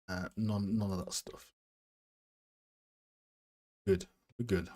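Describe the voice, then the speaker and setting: A man's voice: low voice, fairly even intonation, takes it slowly, darkish tone. A man hosting a casual live stream, chatting with viewers in a rambling, self-deprecating way while working on a model. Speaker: streamer and game art host.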